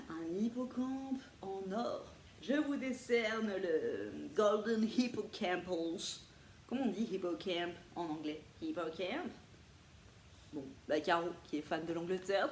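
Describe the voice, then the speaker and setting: A woman with a mid-range voice chats unhurriedly and playfully to viewers about her thrift finds in a vintage haul vlog. She's animated, laughing often and slipping in playful asides, in an echoey room with a faint ambient hum.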